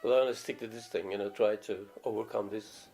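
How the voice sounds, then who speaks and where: Gravelly older Turkish-accented man. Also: lowish voice, fairly even intonation, brisk, over loud music. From Turkey. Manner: rambling, anecdotal, many fillers and restarts. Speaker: professional viola player. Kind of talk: reminiscing in a documentary interview.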